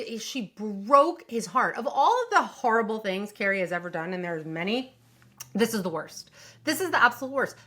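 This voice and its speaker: A young adult woman hosting a podcast, a relationship coach giving an opinionated, animated recap of a TV series and acting out the characters' lines. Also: on the high side. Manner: animated, acts out character quotes.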